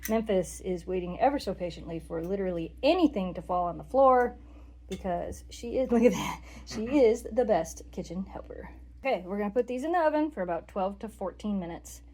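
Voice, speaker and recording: A chatty woman guides her viewers through a home recipe. Her pitch rises and falls a lot as she talks, and her voice sits in a middle register. She sounds upbeat and talks straight to the audience. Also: lively intonation, a little fast, darkish tone. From American Midwest. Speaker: cooking channel host. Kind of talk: casual cooking vlog narration.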